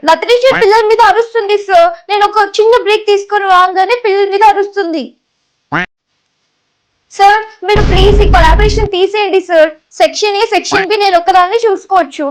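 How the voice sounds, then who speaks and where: A bossy, indignant schoolteacher bickers with her rival. Her voice is very high and she talks fast. It is a comedy sketch. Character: bossy young female teacher, petty rival.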